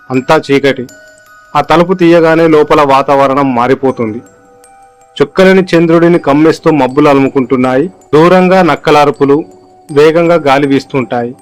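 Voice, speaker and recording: A man reading a scripted horror story aloud as narrator, voicing the characters' lines in his own voice. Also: a little high.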